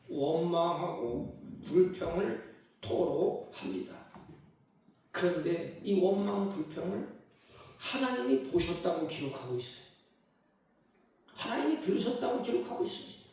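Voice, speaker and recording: A middle-aged man preaching a sermon as pastor, swinging from loud emphatic bursts to quiet asides and acting out quoted voices. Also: very high voice. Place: church sanctuary. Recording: very echoey hall, voice from far off.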